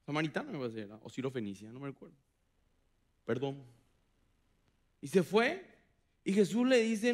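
A man preaching a sermon as pastor, dramatic, acting out quoted voices with big swings from loud to hushed. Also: high-pitched. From Paraguay. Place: church hall.

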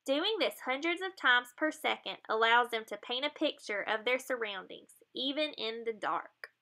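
Woman reading a kids picture book out loud, explains the pictures, bright kinda high voice. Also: animated, normal speed. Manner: explains the pictures, adds playful sound effects. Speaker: reader of a children's picture book.

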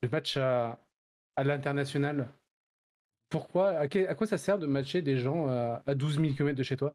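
A man's voice: mid-range voice, normal speed, a little mellow. A man chatting as a guest co-player on a live stream, teasing and laughing easily. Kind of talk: casual live-stream chat.

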